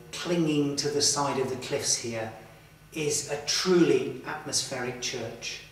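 A man in his thirties presenting to camera in a slow, earnest, reflective way, inside a stone church. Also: fairly high pitch. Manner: slow, earnest, with emphatic pauses. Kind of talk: reflective documentary talk to camera. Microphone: far camera mic. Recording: echoey church from far off.

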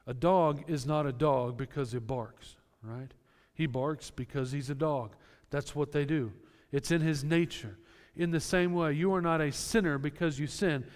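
A male pastor delivers an earnest sermon in a smooth, resonant, slightly high voice. He explains scripture with homely everyday examples, and his words ring out with the long reverb of a church sanctuary.

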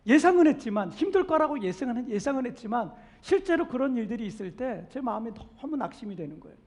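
A male pastor from South Korea giving a Sunday sermon in a church sanctuary. He preaches emphatically, swelling louder on questions and pleas and then dropping soft. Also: extremely high pitch, very animated, fast talker. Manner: acts out what doubters say. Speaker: senior pastor.

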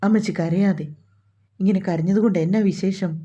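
A woman's voice: mid-range voice, steady tone, normal speed, warm tone, close to an everyday voice. A woman voicing a grown man, a teasing husband and firm son, on a dull lo-fi recording. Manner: teasing, firm, matter-of-fact.

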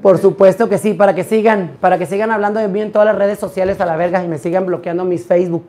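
A hoarse man hosting a rowdy live stream at an indoor party, cursing and exclaiming theatrically. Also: high voice, steady tone, fast talker, mellow. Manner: brash, profane, theatrical exclamations.

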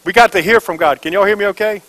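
Pastor, male, high-pitched, preaching call-and-response style, repetitive and emphatic, questions the congregation. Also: quick pace, a bit bright, rough recording. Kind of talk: sermon. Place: church before a congregation.

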